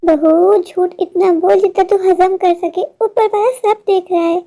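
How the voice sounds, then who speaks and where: A woman voicing a bitter, sharp-tongued older mother-in-law in a cartoon story, taunting her daughter-in-law. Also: extremely high pitch, steady tone, unhurried. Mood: scolding.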